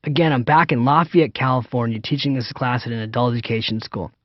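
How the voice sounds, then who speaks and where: A man's voice: medium pitch, steady tone, fast, dry recording, highs cut off. Chatty man teaching money basics. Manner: chatty, anecdotal, speaks straight to the listener. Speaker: author and personal finance teacher. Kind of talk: self-read audiobook, seminar-like teaching.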